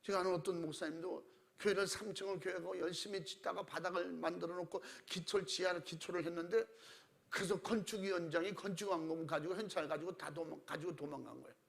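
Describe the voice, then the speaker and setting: A middle-aged man preaching a sermon as pastor, telling stories animatedly and acting out the voices he quotes, and clearing his throat often. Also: high-pitched, fairly even intonation, fast talker.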